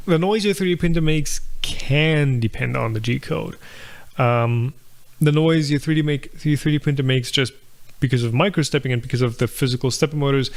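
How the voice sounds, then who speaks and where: A young man hosting a live viewer Q&A, thinking aloud with lots of fillers and restarts. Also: mid-range voice. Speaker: channel host answering viewer questions. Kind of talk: casual live Q&A about 3D printing.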